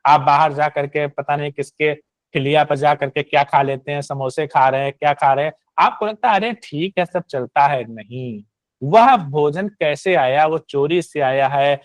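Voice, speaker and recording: A man lecturing an online class with a slightly high voice. He explains patiently and with emphasis, often stopping to ask whether the listeners follow. The sound is dry and close. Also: no echo. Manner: didactic, repeats points with "है ना" tag questions. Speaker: Sanskrit and astrology teacher.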